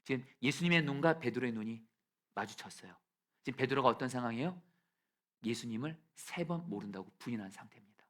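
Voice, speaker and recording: A male pastor preaching a sermon in a church. He swings from soft near-whispers to loud shouted peaks and leads the congregation in reading scripture aloud. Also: mid-range voice, lively intonation, a little fast. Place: church sanctuary.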